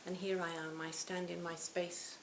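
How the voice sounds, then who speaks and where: A woman in her sixties giving a reflective Buddhist talk to a retreat audience, her phrases often trailing off softly. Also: on the low side, flat delivery, moderate pace. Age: 60s. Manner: reflective, warm storytelling with soft trailing phrase ends. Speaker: Buddhist teacher. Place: retreat hall. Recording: roomy hall, faint hiss.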